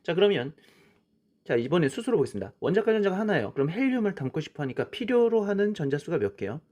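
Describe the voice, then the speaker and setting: A man's voice: high voice, sing-song, quick pace, darkish tone. A man teaching a science lesson, drawing on a worksheet as he explains, often starting with "자" and asking questions that he then answers himself. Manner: frequent "자" and "그쵸?" as prompts.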